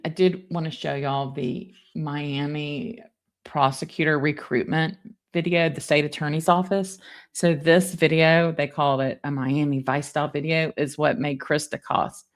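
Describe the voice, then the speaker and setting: A woman with a low voice hosts an online stream. She talks casually to her live viewers, commenting as she moves through her material. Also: moderate pace.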